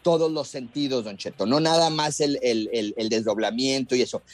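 A man's voice: medium pitch, moderate pace, no echo. A man speaking as a fortune teller, giving reassuring advice and card readings on a radio show. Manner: reassuring, advising.

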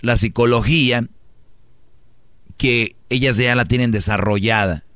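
A man's voice: mid-range voice, steady tone, measured pace, fairly bright tone, dry recording. A man hosting a talk show, giving opinionated commentary full of rhetorical questions and acted-out quotes.

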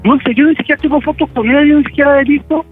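A man's voice: extremely high pitch, steady tone, fast, no room sound, soft background music. A man on a prank phone call, defensively stammering and repeating himself as he denies cheating. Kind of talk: phone argument.

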